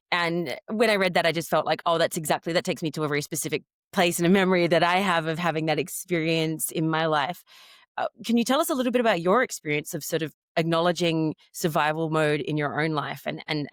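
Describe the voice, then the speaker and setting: A woman's voice: deep voice, no room sound, studio quality. A woman co-hosting a podcast, asking reflective, personal questions in a conversational way. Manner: warm, reflective, with fillers like "you know". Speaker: podcast co-host. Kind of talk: conversational interviewing.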